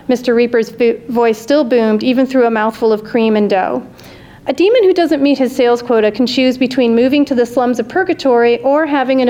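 A woman reading her own comic story aloud at a live reading, lively and amused. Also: on the high side.

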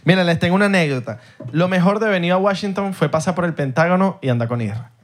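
A man with a Venezuelan accent co-hosting a casual chat, telling stories in a playful, animated way. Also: high voice, fast talker, noisy background. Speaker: podcast co-host.

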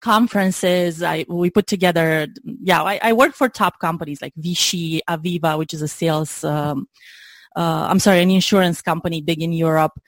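A Romanian woman who works as a LinkedIn branding consultant chats casually as an interview guest. Her voice sits on the low side and moves at a moderate pace, and she laughs easily and restarts her sentences. The recording is dry.

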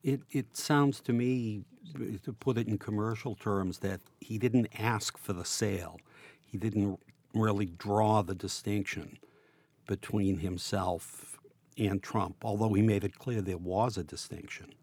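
An older man hosting a casual news chat, asking questions in a halting, conversational way. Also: fairly low pitch, steady tone, a little mellow, no echo. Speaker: podcast host.

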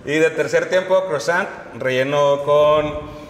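Friendly cook guy listing dishes, voice a bit high, echoey hall sound. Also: takes it slowly. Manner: friendly, polite service talk with diminutives. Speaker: cook serving the hosts. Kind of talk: presenting a menu. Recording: roomy echo, long reverb, faint noise.

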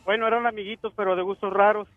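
A man's voice: high-pitched, little pitch movement, very fast, dry recording. A man from northern Mexico calling into a radio show to tell a joke, easygoing and rambling. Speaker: caller. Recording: tinny phone line.

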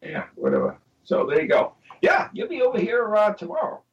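A man's voice: high voice, huge pitch swings, a little fast, lo-fi sound. A man chatting over a video call from a home office, with dry, teasing banter; his voice comes through echoey and distant. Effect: echoey, distant call audio. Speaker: podcast co-host.

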